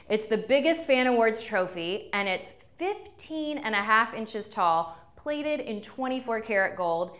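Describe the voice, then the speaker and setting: Woman, young adult, game show host, enthusiastic, slightly high voice. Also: fairly bright tone. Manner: upbeat, enthusiastic.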